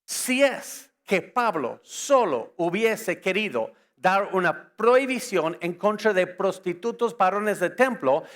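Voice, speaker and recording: A man whose first language is English, giving an apologetics lecture to a church audience, lively and joking, firing rhetorical questions at the crowd. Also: high-pitched, slow pace, hardly any pauses. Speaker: conference speaker.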